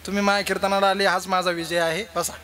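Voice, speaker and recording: A man's voice: high-pitched, fast. A young man preaching a kirtan with a Marathi accent, telling stories and acting out the characters' voices for a live audience. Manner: animated, acts out characters' voices, jokes with audience. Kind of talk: kirtan sermon with storytelling.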